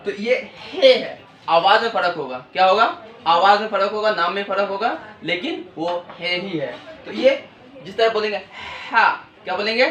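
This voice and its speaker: High, bright-voiced man drilling an alphabet lesson. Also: moderate pace. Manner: call-and-response drilling, asks and answers his own questions. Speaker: language teacher. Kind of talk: classroom-style alphabet lesson. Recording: echoey room, distant mic.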